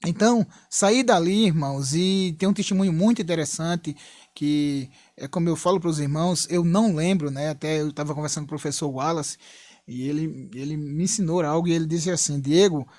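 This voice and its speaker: A young Brazilian man with a fairly high, slightly mellow voice earnestly tells his personal testimony in church, talking a little fast with no echo. Speaking with a Brazilian Portuguese accent, he retells events repetitively, full of asides and frequent "né?".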